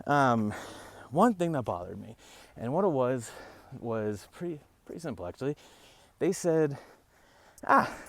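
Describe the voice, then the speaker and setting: A man talks straight to camera in a casual rant, wry and sarcastic. His pitch swings widely up and down as he tells the story. He sounds a little out of breath, as if walking uphill outdoors. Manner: animated, wry, sarcastic asides. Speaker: realtor vlogger.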